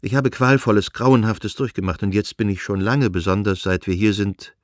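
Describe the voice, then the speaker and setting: A man's voice: on the low side, steady tone, moderate pace, no echo, studio quality, natural voice. A male reader voicing Anna, a young noblewoman who talks eagerly and tenderly about her own happiness, in an audiobook reading. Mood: confiding.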